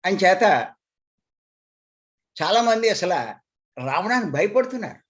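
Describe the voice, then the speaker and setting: A man's voice: high voice, expressive, a little slow. A man, a meditation teacher, explaining earnestly and emphatically to his followers in a spiritual talk, repeating points to drive them home. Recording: dull lo-fi recording.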